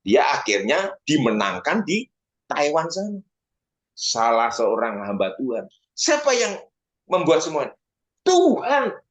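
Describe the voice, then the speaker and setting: A man preaching a sermon, animated and often calling out to his listeners. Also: measured pace, long pauses. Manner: animated, swings pitch up for emphasis, keeps addressing listeners as "brothers".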